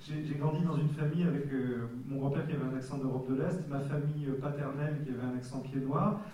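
A man in his forties from Nice, a guest author answering questions in a candid, halting way at a public event. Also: a little high, steady tone, dark tone. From Nice, France. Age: 40s. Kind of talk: casual public Q&A. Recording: echoey hall from far off.

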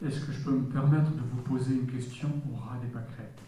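A man's voice: mid-range voice, fairly even intonation, fairly quick, warm tone, slight background noise. A man from the audience asking a courteous, formally worded question. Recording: echoey hall from far off.

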